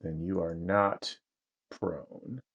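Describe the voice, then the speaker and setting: A man with a very low, gravelly voice runs a tabletop game at an unhurried pace. He mutters to himself while deciding the monsters' moves. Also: fairly even intonation, fairly bright tone, highs cut off. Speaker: game master. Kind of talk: running a tabletop game online.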